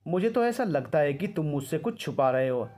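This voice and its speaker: A jealous young fiancée, sharp and suspicious, her voice lifted high, as a male storyteller puts her on. She warns off a rival in a storybook reading. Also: big pitch swings, moderate pace.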